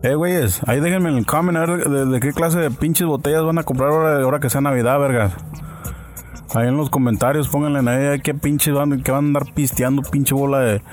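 A man rants alone into the mic for his podcast, swearing constantly and jeering at his listeners. His voice sits at an ordinary middle pitch. Faint music plays low behind him. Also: steady tone, fairly quick, a little mellow. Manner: crude, heavy cursing, mocking the audience. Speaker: podcast host. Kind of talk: profane solo rant.

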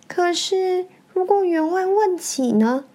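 Woman reader doing a young concubine, shrill, pleading and weepy, storybook tale. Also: expressive, takes it slowly, dark tone, exaggerated voice. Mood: timid. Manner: tearful, pleading, high-pitched. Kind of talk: storybook reading.

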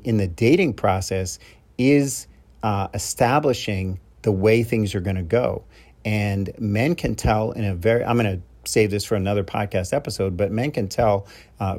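A love coach from New York, middle-aged and with a New York accent, chats with his podcast listeners in a loose advice monologue. His fairly low, darkish voice keeps stumbling over "uh" fillers and restarts.

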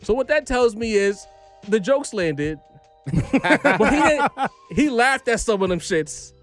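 A man with a high, very lively American voice hosts a casual hip-hop podcast. He ribs loudly and opinionatedly, swearing and repeating phrases for emphasis, over faint music. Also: unhurried. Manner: slangy, profane. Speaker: podcast host.

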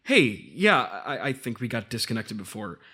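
A man's voice: medium pitch, big pitch swings, normal speed, sharp tone. A man playing a laid-back, skeptical investigator in naturalistic audio drama dialogue, casual and understated. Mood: frustrated, hesitant.

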